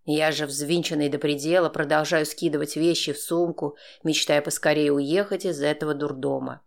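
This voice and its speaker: A man narrating a first-person audiobook in a steady, dry, sardonic tone. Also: on the high side, moderate pace, creaky.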